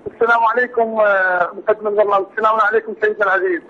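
A male caller from Iraq phoning in to a talk show, his voice halting and breaking up as the phone audio keeps cutting out. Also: sits high, steady tone, crowd noise. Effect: choppy phone audio that keeps cutting out. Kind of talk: phone-in question. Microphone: telephone. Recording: tinny, breaking-up phone line.

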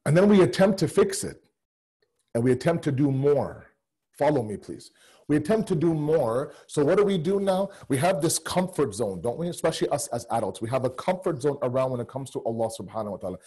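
Earnest man preaching, dark husky voice. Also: a little high, animated, fairly quick. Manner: earnest, rhetorical questions, acts out doubting voices. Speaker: religious lecturer. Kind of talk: sermon to online audience.

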